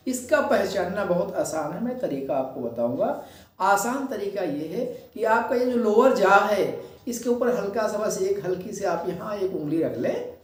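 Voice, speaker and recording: A man giving a spoken English video lecture, explaining step by step, mixing Hindi with English phrases and slowing down to stress the English definitions. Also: high voice, a little mellow. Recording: echoey, voice from a distance.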